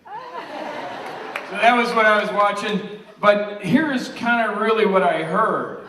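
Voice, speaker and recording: A middle-aged man giving a casual, humorous father of the bride speech, telling family stories with halting pauses for effect. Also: high-pitched, sing-song. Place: large room with wedding guests. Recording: echoey noisy room, distant mic, crowd.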